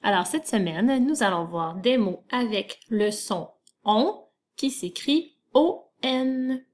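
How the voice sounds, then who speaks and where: A woman's voice: fairly high pitch, darkish tone. A woman teaching children a spelling lesson, patiently spelling words letter by letter.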